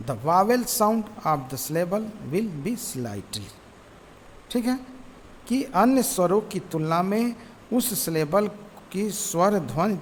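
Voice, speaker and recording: A man teaching a lesson, reading English lines slowly word by word and explaining each one. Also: high-pitched. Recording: roomy reverb with faint noise.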